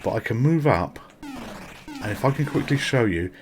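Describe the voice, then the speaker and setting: A man's voice: mid-range voice, wildly swooping pitch, moderate pace, background noise. A man hosting a retro gaming channel, chatting casually and swearing now and then, with a sore mouth. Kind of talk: casual gameplay commentary.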